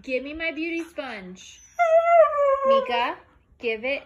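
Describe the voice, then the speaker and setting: A woman's voice: high-pitched, very animated, takes it slowly, fairly bright tone. A woman talking to her pets in an amused, teasing way, drawing her words out. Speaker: dog owner. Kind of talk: casual talk to a pet.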